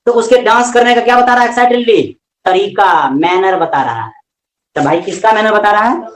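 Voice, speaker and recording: A man with a Hindi accent teaching English grammar in a classroom lecture, lively and often asking questions that he then answers himself. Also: high voice, a little fast, reverberant, low-quality recording.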